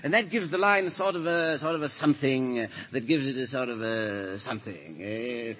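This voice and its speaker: An actor playing a foppish, affable, foolish-seeming English gentleman in a 1930s radio drama, pompous and dithering, repeating himself. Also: mid-range voice, normal speed, close to an everyday voice. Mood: smugly silly. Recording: dull 1930s radio recording.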